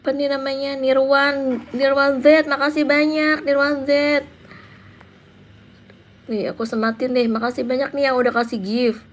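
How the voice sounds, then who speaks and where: High-voiced woman chatting to viewers. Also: level tone, moderate pace. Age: 30s. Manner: chatty, reads out viewer names and answers them. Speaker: live stream host. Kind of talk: casual live stream chat reading viewer comments.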